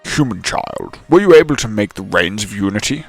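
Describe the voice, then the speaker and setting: A man's voice: lowish voice, big pitch swings, moderate pace. Man plays a stately ancient creature king, grave and formal. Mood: solemn. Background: faint game music.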